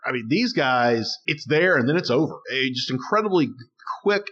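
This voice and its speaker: A man's voice: mid-range voice, animated, normal speed, fairly bright tone, breathy edge, lo-fi sound. A man co-hosting a history podcast, reflecting on a battle and telling a grim war story. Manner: reflective, builds to dramatic storytelling. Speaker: podcast co-host.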